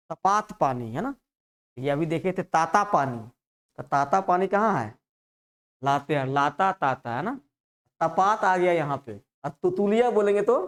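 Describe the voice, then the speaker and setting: A male teacher giving a live exam-prep class, repeating terms and coaxing students with constant checks. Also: on the high side. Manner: repetitive, coaxing, peppers lines with "hai na".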